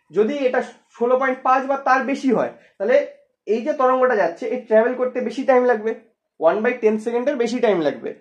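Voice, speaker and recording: Teacher walking through physics, repeats stuff, keeps asking "right?", echoey room, middle pitch. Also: muffled recording. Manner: explains step by step, repeating and asking rhetorical questions. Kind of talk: whiteboard physics lesson.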